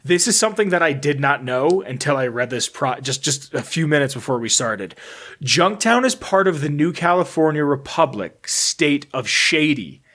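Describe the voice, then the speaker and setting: A man's voice: fairly high pitch, expressive, moderate pace, a bit bright. A young American man co-hosting a podcast, reading game lore aloud with rambling, self-deprecating asides. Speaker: podcast co-host.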